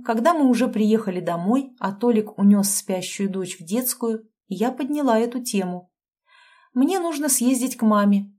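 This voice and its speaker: A woman's voice: on the high side, mellow, husky. Woman narrating a story in first person.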